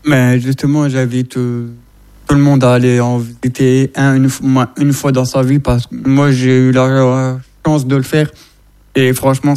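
A man's voice: medium pitch, darkish tone, clean tone. A man speaking earnestly in a casual discussion, urging listeners with repeated phrases. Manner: earnest, exhorting, repetitive phrasing. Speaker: guest speaker.

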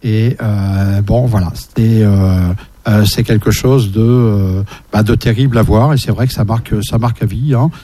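A man leads a casual discussion in a mellow, darker voice. He hesitates often, restarting phrases and filling gaps, as if thinking aloud while passing the microphone around. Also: on the low side, normal speed, dry recording. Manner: hesitant, many fillers and restarts. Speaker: host. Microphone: shared microphone.

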